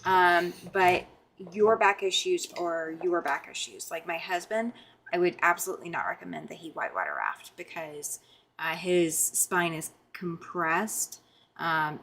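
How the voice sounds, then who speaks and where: A woman chats casually on a late-night craft livestream, greeting viewers by name and laughing easily. Her voice sits a little low, with faint noise behind her. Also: a bit bright. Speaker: livestream host.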